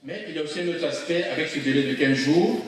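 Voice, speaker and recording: A Congolese man from the Democratic Republic of the Congo speaks French-accented words in a fairly high voice, addressing a public conference as a lawyer. His explanation is deliberate and didactic, sprinkled with rhetorical questions. A handheld or event microphone picks him up from far away in a very echoey hall.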